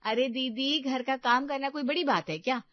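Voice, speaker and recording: A woman performs a sly young daughter-in-law, sweet and coaxing. The voice sits high, and the recording is dull and dry. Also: moderate pace, no echo, natural voice. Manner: sugary, coaxing.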